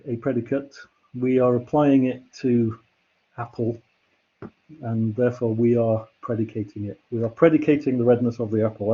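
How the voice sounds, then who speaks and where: A man's voice: mid-range voice, dark tone, slightly rough, highs cut off. A man giving a university lecture, explaining ideas patiently and step by step with examples. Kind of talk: classroom lecture.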